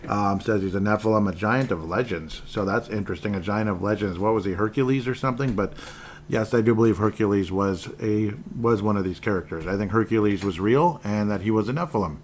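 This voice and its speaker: A man's voice: fairly low pitch, fairly quick, slight background noise. A man hosting a channel, chatting casually in a rambling way after a clip. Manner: rambling, with fillers and restarts. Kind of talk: casual chat.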